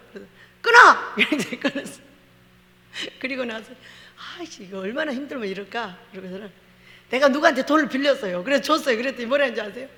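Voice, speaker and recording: A woman pastor preaching a lively sermon, telling stories with laughter and acting out quotes in a church. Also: a little high. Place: church sanctuary. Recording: long hall reverb.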